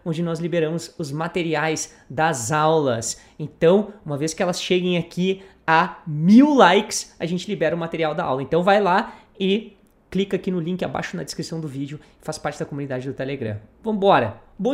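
A man from southern Brazil with a southern Brazilian Portuguese accent, teaching English in an online lesson. He says model phrases slowly and drawn out for repeating, in a patient, coaching way. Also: high voice. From Porto Alegre, southern Brazil.

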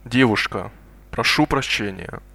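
A man modeling pronunciation for a language course, saying each phrase slowly and deliberately twice. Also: mid-range voice, creaky, sharp tone, no echo. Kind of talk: slow repeated pronunciation drills.

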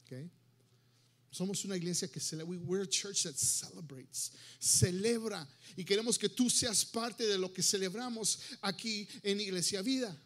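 A man preaching a sermon in a church, animated, dropping into English and acting out little everyday scenes. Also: sits high, moderate pace. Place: church sanctuary.

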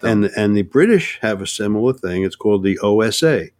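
Older male podcast guest, low voice, dry close sound, halting delivery with many restarts. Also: expressive, darkish tone, dry recording. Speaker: guest on UFO topics. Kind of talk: casual podcast conversation.

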